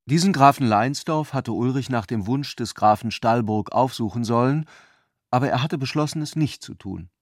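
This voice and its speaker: In a dry, very close recording with no surrounding room, a man narrates a literary radio play. His voice sits at middle pitch, and he speaks in a measured, articulate way.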